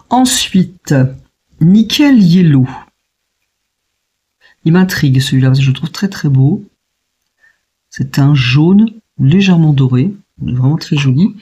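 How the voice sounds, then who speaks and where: Soft-voiced woman musing over paints. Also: sits low, slightly rough, muffled recording. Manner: chatty, hesitant with many fillers, thinking aloud. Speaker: watercolour painter testing a palette. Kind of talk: casual tutorial narration.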